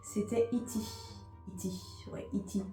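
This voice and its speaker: A woman's voice: mid-range voice, fairly even intonation, slow pace, warm tone, roomy sound, soft background music. A woman from Liège with a Belgian French accent, chatting hesitantly in a vlog, with lots of fillers and repetitions. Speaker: vlogger. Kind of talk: casual confessional chat.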